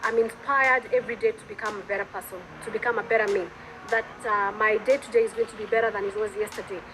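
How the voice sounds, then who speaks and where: A woman's voice: medium pitch, fairly even intonation, noisy background. A Kenyan woman with a Kenyan accent, an entrepreneur answering interview questions in an earnest, reflective way. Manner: earnest, reflective, pauses with fillers.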